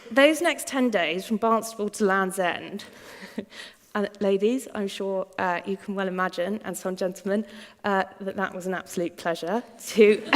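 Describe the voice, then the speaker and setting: Woman speaker telling her own story to an audience, casual and candid, in a reverberant hall. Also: medium pitch. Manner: chatty, candid, laughs often, many fillers and restarts. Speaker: speaker giving a talk. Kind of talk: personal story talk to an audience. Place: large lecture hall.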